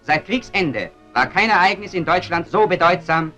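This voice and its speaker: A man's voice: sits high, animated, moderate pace, sharp tone, faint music behind. A man announcing in the emphatic style of an old 1940s newsreel, heard from an archive recording. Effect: old newsreel archive sound.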